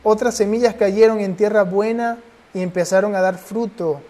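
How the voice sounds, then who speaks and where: A man's voice: high voice, steady tone, moderate pace, darkish tone. A man preaching a sermon and then leading a prayer, pressing his listeners with urgent rhetorical questions.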